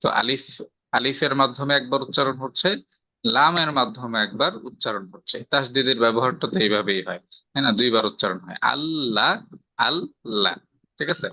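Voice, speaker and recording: A man's voice: medium pitch, quick pace, bright, forceful tone, no room sound. A man with a Bangladeshi Bengali accent teaching Quran recitation rules, explaining step by step and quizzing his student with questions. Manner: explains step by step, checks for understanding with rhetorical questions. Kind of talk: patient tajweed lesson, quizzing a student. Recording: slightly dull, dry lo-fi sound.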